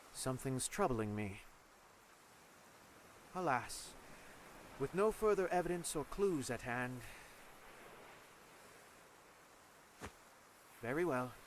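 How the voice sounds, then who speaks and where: An actor playing a sly, composed cleric investigator in a video game, with a measured, wry, theatrical delivery. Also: male voice, mid-range voice, slight background noise, lightly acted. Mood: reluctant, thoughtful. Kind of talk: scripted video game voice acting.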